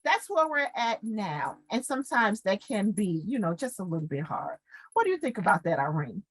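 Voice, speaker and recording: A middle-aged woman co-hosting a casual podcast chat, animated and playful, acting out quotes in lively voices. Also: medium pitch, moderate pace, slightly rough, dry recording, low-quality recording. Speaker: podcast co-host.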